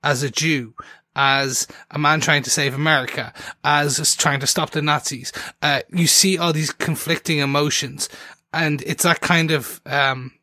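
A man's voice: a little high, fairly even intonation, measured pace, sharp tone, no room sound, clean studio sound. A man co-hosting a podcast, chatting casually about a TV episode in a rambling, enthusiastic way that keeps restarting. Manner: rambling, enthusiastic, self-interrupting. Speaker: podcast co-host. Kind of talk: casual TV recap chat.

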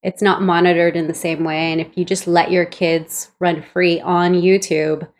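A woman's voice: fairly low pitch, level tone, moderate pace. A woman from El Salvador co-hosting a podcast in casual chat, explaining things and laughing easily. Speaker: podcast co-host.

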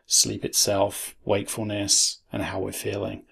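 A man's voice: fairly low pitch, completely flat delivery, a little slow, gravelly, a bit bright, husky. A man in casual conversation, explaining sleep struggles in a thoughtful way with rhetorical questions.

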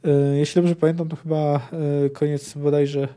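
A man hosting a book podcast who talks in a hesitant, digressive way, filling his pauses with many "e" sounds. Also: fairly high pitch, flat delivery, mellow. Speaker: podcast host.

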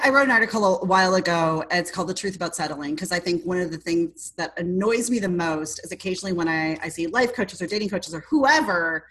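A woman in her forties, a dating coach talking frankly as an interview guest, energetic and unafraid to swear. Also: on the low side, rough recording. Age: 40s. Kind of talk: casual interview chat.

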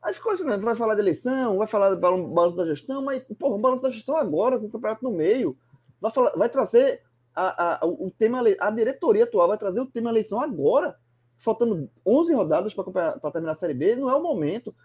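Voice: mid-range voice, expressive, quick pace, a little mellow, breathy edge. A sports commentator, talking animatedly and emphatically in a casual sports chat, often restarting words.

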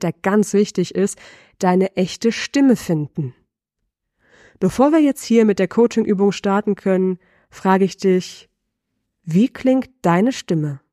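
A middle-aged woman voice coach giving a lesson, asking the listener slow, deliberate reflective questions. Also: mid-range voice, mellow, no echo, studio quality.

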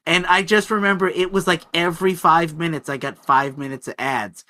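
Bright, high-pitched man chatting animatedly. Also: a little fast. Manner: animated, stammering restarts. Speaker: podcast co-host. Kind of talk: casual film podcast chat.

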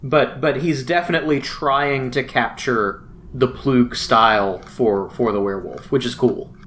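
A man's voice: medium pitch, unhurried, a bit bright, a little hiss or hum. A man co-hosting a comic book podcast, chatting casually and often restarting his sentences. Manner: chatty, with frequent restarts and many "mm-hmm"s. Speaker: podcast co-host. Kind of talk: casual chat about comics.

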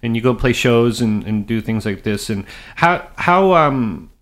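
A man's voice: medium pitch, expressive, unhurried. A man hosting a casual interview in a living room, speaking in an effusive, enthusiastic manner. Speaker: show host interviewer.

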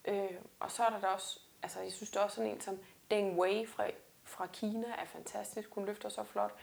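A woman's voice: mid-range voice, little pitch movement, creaky, darkish tone. A woman weightlifter talking earnestly and reflectively in a casual interview, often restarting her sentences. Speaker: guest weightlifter.

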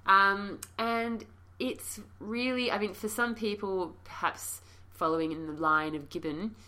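A woman's voice: medium pitch, steady tone, unhurried, sharp tone. A woman co-hosting a casual history podcast with a wry, playful manner, her voice congested because she is unwell. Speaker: podcast co-host.

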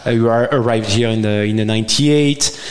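A man from France with a French accent and a smooth voice, telling his story casually in an interview. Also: on the low side, fairly quick. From Bordeaux, France. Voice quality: smooth, silky. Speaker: winemaker guest. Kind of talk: casual chat.

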